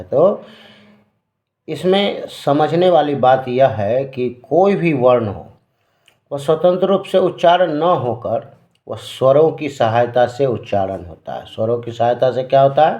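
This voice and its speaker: Slow, patient male grammar teacher. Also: medium pitch, warm tone. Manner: slow, patient, asks and answers his own questions. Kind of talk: classroom-style lesson at a board. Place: room with a board. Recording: roomy, dull lo-fi sound.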